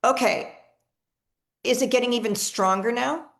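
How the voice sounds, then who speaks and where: Leading a live energy healing session online over video, a woman talks in an enthusiastic, chatty manner with lots of repeats and restarts. Her voice is high-ish, gravelly, a bit bright, and unhurried.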